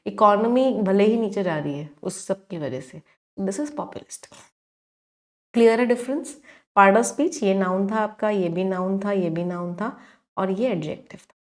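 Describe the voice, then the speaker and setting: A woman's voice: medium pitch, measured pace. A young woman teaching exam-prep vocabulary, mixing in terms, asking questions and answering them herself.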